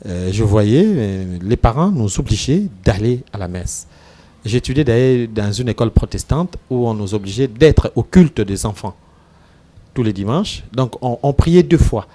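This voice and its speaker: Unhurried Congolese priest with a mellow voice. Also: male voice, mid-range voice, expressive. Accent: Congolese French. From Democratic Republic of the Congo. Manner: measured, hesitant, many pauses and fillers. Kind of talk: casual interview talk, mixing French and Lingala. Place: TV studio.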